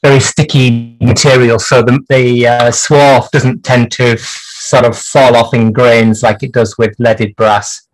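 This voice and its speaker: A man's voice: medium pitch, flat delivery, takes it slowly, low-quality recording. A man hosting a clock repair livestream from his workshop bench, chatting through the work with dry jokes and lots of hesitations.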